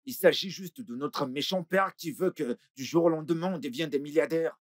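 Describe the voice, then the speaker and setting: A man's voice: a little high, moderate pace, close to an everyday voice. An actor playing an indignant younger brother complaining about their father in a dubbed film.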